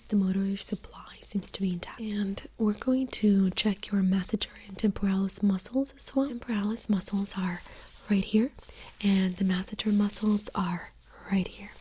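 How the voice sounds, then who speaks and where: Woman, whispered role-play, ASMR doctor, breathy and husky, gentle, reassuring, step-by-step instructions, medium pitch. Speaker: ASMR performer playing a doctor giving an exam. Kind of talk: whispered role-play, soft-spoken ASMR medical exam.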